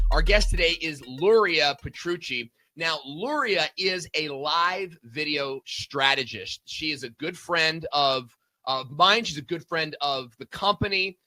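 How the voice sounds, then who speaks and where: Bright-voiced male show host. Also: on the high side, dry recording. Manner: friendly, conversational with fillers. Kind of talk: casual business talk show.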